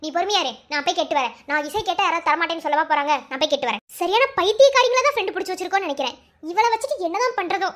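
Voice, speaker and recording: Woman voicing a bossy young college girl, cartoon, Madurai Tamil accent, very high voice, rapid scolding banter. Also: a bit bright. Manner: scolding, teasing, quick banter. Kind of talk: cartoon voice acting.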